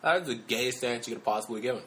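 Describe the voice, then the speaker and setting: A man's voice: medium pitch, very fast, a bit bright, slight background noise. A young man co-hosting a casual podcast chat, brash and crude with blunt opinions. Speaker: podcast co-host.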